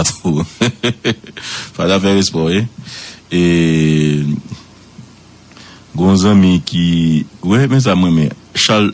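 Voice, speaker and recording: A man with a Haitian accent giving radio commentary, swooping high for emphasis and repeating words.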